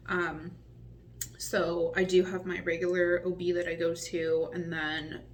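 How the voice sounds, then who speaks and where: A woman's voice: on the low side, flat delivery, measured pace, far from the mic, a little hiss or hum. A woman in her forties chatting casually in a pregnancy update vlog, a little out of breath and full of ums. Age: 40s. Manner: rambling with many ums, chatty and upbeat. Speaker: vlogger.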